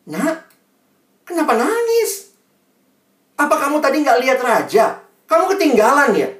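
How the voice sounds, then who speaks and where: A preacher voicing a worried schoolteacher who keeps gently questioning a crying pupil, in a roomy recording picked up from a distance. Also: high voice, big pitch swings, measured pace, pitched above the performer's own voice, exaggerated voice. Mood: concerned. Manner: pressing, repeated questions.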